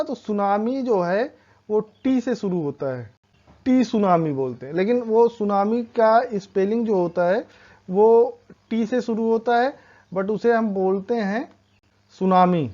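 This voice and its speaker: A woman gives a slow, patient lesson, spelling each word out letter by letter and repeating it. The pace is very unhurried. The recording sounds slightly dull and lo-fi. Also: mid-range voice. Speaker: English teacher. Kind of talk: classroom-style language lesson.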